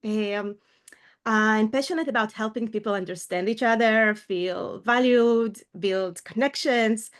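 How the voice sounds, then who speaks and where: A middle-aged woman born in Ukraine and raised in Israel speaks at a measured pace in a fairly high voice. She's a coach appearing as a guest in a casual video call interview, earnest and thoughtful, with small fillers here and there.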